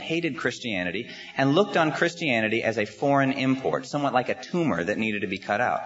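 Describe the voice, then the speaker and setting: A male American pastor preaches a sermon at a pulpit microphone in a church sanctuary, his mid-range voice a bit bright. He speaks earnestly and measuredly with frequent "uh" pauses, and the recording sounds slightly muffled.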